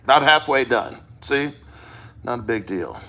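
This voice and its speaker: A man's voice: medium pitch, expressive, a little slow, vocal fry, pushed and bright. A man talking casually in a first-person vlog, rambling and plain-spoken with frequent swearing. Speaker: vlogger. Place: sitting in a cold plunge.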